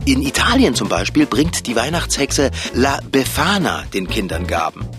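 A man's voice: medium pitch, big pitch swings, normal speed, natural voice. A man narrating a scripted educational segment for children. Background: music.

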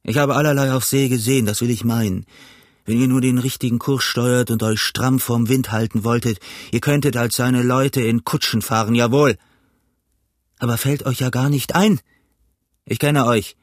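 A cunning older pirate cook lectures his crew in a gruff, blustering voice, as a man reads him in an audiobook. The pitch sits mid-range for a man, and the recording is dry with no room sound. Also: steady tone, normal speed, dry recording, lightly acted. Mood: lecturing. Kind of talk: audiobook reading.

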